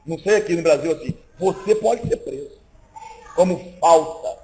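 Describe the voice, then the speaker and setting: A man preaching a sermon in a lively, conversational way, acting out small exchanges between people. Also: on the high side, moderate pace, rough recording. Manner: lively, conversational preaching that acts out little dialogues. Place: church meeting, indoors.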